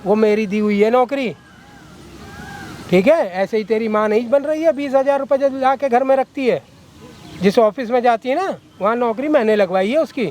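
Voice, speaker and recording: A man's voice: very high-pitched, moderate pace, darkish tone, slight background noise. A man playing a corrupt, coercive lawyer who talks down to a girl in a coaxing, threatening way. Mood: condescending. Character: corrupt scheming male lawyer, menacing and coercive. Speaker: villain in a short film.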